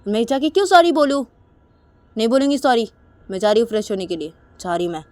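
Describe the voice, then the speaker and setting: A woman voicing a stubborn young woman who refuses loudly and sharply. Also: lowish voice, racing, dry recording, natural voice. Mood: defiant. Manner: loud, sharp and defiant.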